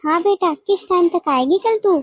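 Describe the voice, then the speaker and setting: Lady doing a soft caring mom on the phone, super high voice. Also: normal speed, no room sound, clean studio sound. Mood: concerned. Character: caring older mother of the daughter-in-law.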